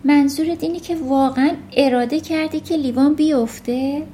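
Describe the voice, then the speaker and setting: A woman voicing a gentle, patient young woman teacher who speaks kindly. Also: high voice, fairly even intonation, a little hiss or hum, voice pushed up, close to an everyday voice.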